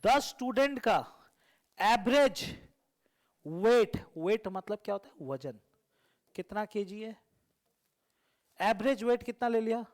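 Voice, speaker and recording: A man's voice: high voice, expressive, takes it slowly, pauses often. A man teaching a math lesson to a classroom. He keeps quizzing and teasing the students with repeated questions. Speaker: coaching teacher.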